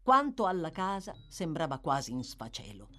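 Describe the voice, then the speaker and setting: Woman reading a classic novel aloud: lowish, highly animated, dramatic narration. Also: normal speed. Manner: expressive, dramatic storytelling. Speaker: audiobook narrator. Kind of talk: scripted literary narration.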